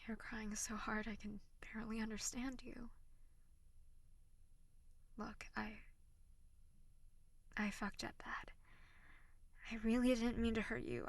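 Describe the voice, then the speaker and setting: A young woman playing a snappy tsundere tutor in an audio role-play, who goes from sharp scolding to halting, breathy, remorseful near-whispers. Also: fairly high pitch, dry recording.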